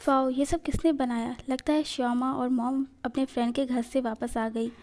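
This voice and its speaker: A woman's voice: high-pitched, little pitch movement, moderate pace, a little mellow. A woman voicing a playful, pouting young man who teases and chats, in a storybook reading.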